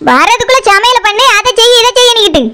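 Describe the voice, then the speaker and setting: A woman's voice: extremely high pitch, expressive, fast. A woman voicing a stubborn young daughter-in-law in a cartoon, with a Tirunelveli Tamil accent and a blunt, argumentative manner. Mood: defiant. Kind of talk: cartoon voice acting.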